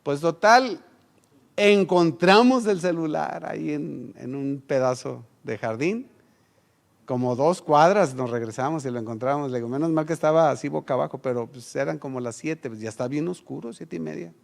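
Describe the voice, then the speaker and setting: A man's voice: on the high side, moderate pace, vocal fry. A middle-aged man with a Mexican Spanish accent preaching a sermon, telling a personal story and acting out voices in quotes. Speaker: pastor.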